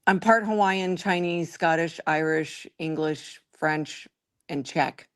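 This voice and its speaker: A woman's voice: deep voice, slow pace, clear, resonant tone. A woman guest on a live stream, chatting casually and telling laughing anecdotes. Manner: laughs often, tells anecdotes.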